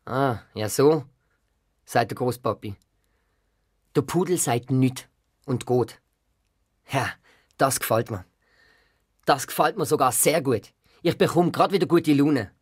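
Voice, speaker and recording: A storyteller with a Swiss German accent narrating a children's audio story in the first person as a young boy, with frequent jumps in pitch. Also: unhurried, long pauses, breathy edge, no room sound, studio quality.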